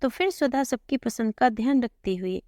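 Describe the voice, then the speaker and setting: A woman with a fairly high voice tells a family story in the first person, gently and conversationally. She keeps her own tone when she voices the dialogue. The close microphone gives a dry sound with no room echo. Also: normal speed.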